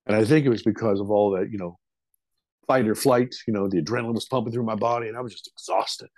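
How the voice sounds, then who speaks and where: A man's voice: on the low side, fairly even intonation, fast, darkish tone, dry recording. A middle-aged man, a podcast interview guest, vividly retelling a frightening childhood memory in a loose, casual way, swearing freely.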